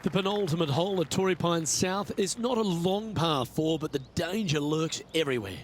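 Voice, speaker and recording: A man playing a golf commentator in a video game, with measured sports broadcast delivery. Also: on the high side, expressive, a little hiss or hum, lightly acted. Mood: informative. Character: composed male TV golf play-by-play commentator.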